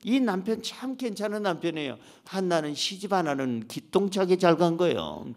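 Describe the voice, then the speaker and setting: A middle-aged man preaches in a church with a high-pitched voice. He is animated, acts out the voices of the people in his stories, and swings between loud outbursts and quiet asides. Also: normal speed. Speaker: pastor. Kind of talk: sermon. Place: church sanctuary.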